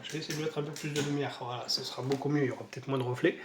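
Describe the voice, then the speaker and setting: A man's voice: medium pitch, steady tone, very fast, noisy background. A French-speaking man unboxing model paints in a casual video, talking through a stuffy nose from a cold, hesitant with many fillers. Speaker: model-kit hobby vlogger.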